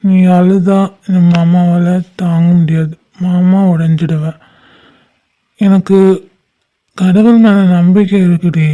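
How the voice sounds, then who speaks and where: A woman's voice: medium pitch, close to an everyday voice. Woman playing a heartbroken drunk young man. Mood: tender. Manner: brooding, flat, reproachful. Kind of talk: homemade cartoon voice acting.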